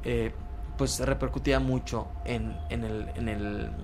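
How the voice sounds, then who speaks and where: A man in his twenties with a Mexican accent, a podcast guest telling a personal story in casual chat. He talks in an animated, slangy way, halting often to restart his words. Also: medium pitch, over music. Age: 20s.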